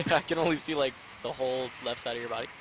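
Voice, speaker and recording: Bright-voiced young man hosting a game. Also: medium pitch, fast. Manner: playful, laughs often. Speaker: gaming channel host. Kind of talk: casual let's-play chat.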